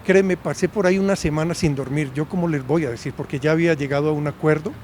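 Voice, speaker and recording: A man's voice: fairly high pitch, fast, darkish tone, a little hiss or hum. A university professor in his sixties from Medellín, Colombia, telling his story in a conversational interview and often checking in with a questioning "right?".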